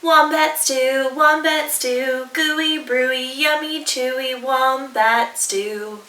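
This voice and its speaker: Slow, high-pitched woman reading a storybook. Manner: deliberate, animated, inviting participation. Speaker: teacher reading aloud. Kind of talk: expressive children's storybook reading. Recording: roomy echo, distant mic.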